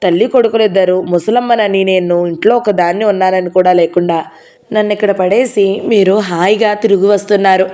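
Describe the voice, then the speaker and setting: A woman voicing a grumbling, soft-hearted old grandmother in an audio novel, with shrill, nagging complaints. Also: steady tone, a little fast, lightly acted. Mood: scolding.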